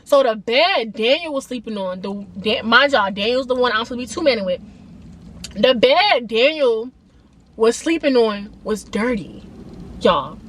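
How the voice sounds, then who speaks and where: A young woman vlogger telling a story casually, slangy and animated, acting out the people she quotes. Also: a little high, moderate pace, slight background noise.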